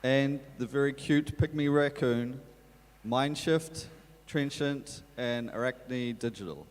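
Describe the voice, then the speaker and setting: Casting: New man, mid-pitched, wry offhand stage host, roomy hall with faint crowd. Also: slow pace, background noise. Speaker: conference organiser and presenter. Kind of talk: informal stage announcements.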